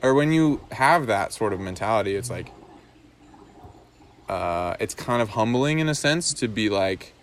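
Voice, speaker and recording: A man's voice: lowish voice, expressive, measured pace, a little hiss or hum. A young man in casual podcast chat, thinking aloud and rambling with many fillers and restarts.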